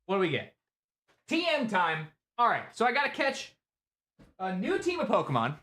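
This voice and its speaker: A live streamer with a mid-range, slightly rough voice talks at normal speed, rambling through chatty gameplay commentary. He addresses the chat and breaks into excitable bursts.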